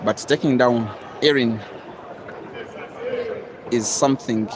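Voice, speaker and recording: An East African man commentates live on a pool match in a measured way, breaking into sudden excited rises. His pitch is medium, and a loud crowd fills the noisy outdoor venue.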